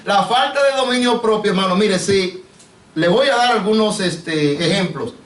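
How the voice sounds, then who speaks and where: Un pastor predicando con acento caribeño a su congregación, con preguntas frecuentes y tratándolos de hermanos. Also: male voice, sits high, moderate pace. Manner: preachy, asks the congregation questions, addresses them as brother. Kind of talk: sermon. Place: church sanctuary. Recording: echoey church, mic off at a distance.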